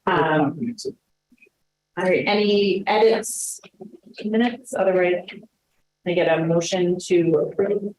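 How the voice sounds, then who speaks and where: Running a public town committee meeting, a woman speaks slowly with long pauses, her lowish voice darkish in tone. She hesitates often and uses many fillers, and the echoey meeting room sounds roomy.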